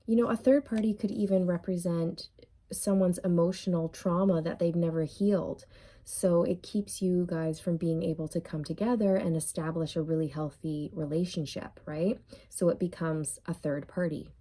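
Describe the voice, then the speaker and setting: This tarot reader has a lowish, mellow voice that stays steady. She takes her time through a relaxed reading, thinking out loud, peppering her speech with fillers, and remarks that her voice is going.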